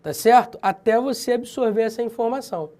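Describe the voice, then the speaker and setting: A man with a Brazilian accent teaching grammar in a video lesson, lively and slangy, drilling example words with emphasis. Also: very high-pitched, a little fast. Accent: Brazilian Portuguese.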